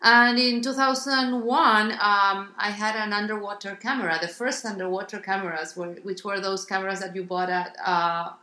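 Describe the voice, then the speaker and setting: In a roomy recording, the same kind of guest, a middle-aged woman from Argentina with an Argentine Spanish accent, describes her art on the radio at medium pitch. Her tone is steady, pushed and bright, at normal speed with few pauses, though she stays thoughtful and hesitant, full of ums and restarts.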